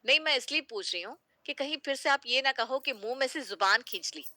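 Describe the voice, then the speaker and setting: A woman voicing a frustrated young daughter-in-law who answers back with sharp sarcasm. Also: high-pitched, lively intonation, a little fast, voice pushed up. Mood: retorting.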